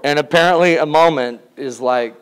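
A man's voice: on the high side, moderate pace, smooth. A man in his forties giving a comedic lecture to a class, jokey and theatrical, often asking the audience questions. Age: 40s. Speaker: relationship class teacher.

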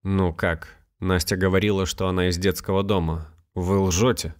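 A man's voice: sits low, level tone, moderate pace, close to an everyday voice. A man doing a grieving, curt young husband.

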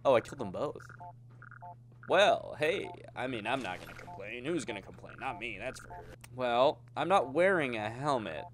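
Male gamer narrating his playthrough, animated and crude, with a faint hiss under the mic. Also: medium pitch, normal speed. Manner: jokey, profane, rambling, talks to viewers. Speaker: gameplay commentator. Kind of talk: casual let's-play commentary.

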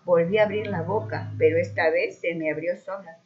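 A woman narrating a children's mystery story aloud, expressive and acting out the dialogue. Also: on the low side, moderate pace. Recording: dull muffled recording.

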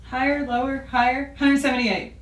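A woman's voice: sits high, level tone, normal speed. A young woman bantering competitively as a quiz contestant. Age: young adult. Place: small bathroom, in a bathtub. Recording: roomy echo, distant microphone.

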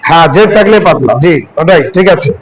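High-voiced man teaching letters. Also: expressive, a crowd in the background, rough recording. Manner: asks questions and answers them, drawn-out recitation. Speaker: Quran reading teacher. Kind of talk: classroom lesson on Arabic letters.

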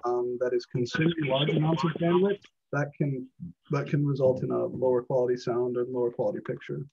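A man teaching a college math class live online from home, relaxed and encouraging, with many fillers. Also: medium pitch, fairly quick, vocal fry, a little hiss or hum. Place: home, on a video call. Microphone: computer mic on a video call. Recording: dull lo-fi video call audio.

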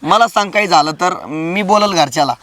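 A man's voice: high voice, normal speed, fairly bright tone, no echo. A man playing a young husband caught between his mother and his wife in a village comedy skit, pleading with both. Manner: pleading, placating. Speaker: son and husband.

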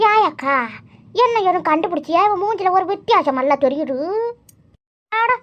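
A woman's voice: extremely high pitch, lively intonation, moderate pace, voice pushed up. A woman voicing a nosy, gossipy village neighbor in a cartoon who pries into the family's business. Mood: prying. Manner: prying, gossipy. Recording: dull lo-fi recording.

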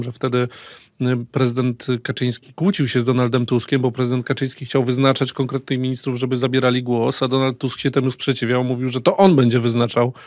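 A man in his thirties co-hosting a political podcast, speaking measured and hesitant, often pausing with fillers, on a studio desk mic. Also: mid-range voice, no room sound. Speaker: political commentator co-host. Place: small dark padded studio. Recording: dry close studio sound.

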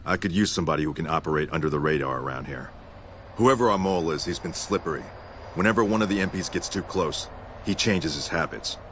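A low-pitched male army captain speaks in measured, matter-of-fact game dialogue. He is businesslike and determined, with faint noise behind him. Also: fairly bright tone. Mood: grimly determined. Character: gruff, businesslike military captain hunting a mole.

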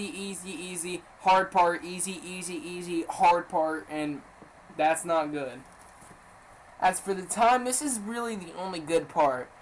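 Woman, lowish voice, offhand host of a hobby game review channel. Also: a little hiss or hum, rough recording. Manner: plain, offhand, listing scores in a set pattern.

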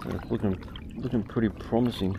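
A man's voice: on the low side, a little fast, creaky, music in the background. A young man with an Australian accent, chatting casually and swearing a lot while prawning at night on a lake, filmed on a head camera. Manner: sweary and laid-back. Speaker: vlogger. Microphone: head-mounted action camera. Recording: outdoor camera with steady background noise.

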